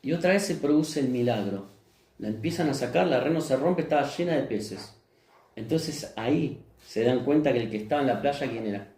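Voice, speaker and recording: A man's voice: mid-range voice, animated, moderate pace, warm tone, echoey room. A man with a Rioplatense Spanish accent preaching a sermon as pastor, often putting questions to the congregation and answering them himself. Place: church hall.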